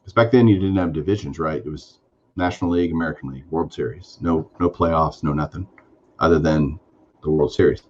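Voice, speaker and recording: A very deep, slightly mellow male voice, a little fast, heard through lo-fi sound. He's a sports card podcast co-host who talks casually and with enthusiasm, rambling and filling gaps with plenty of fillers.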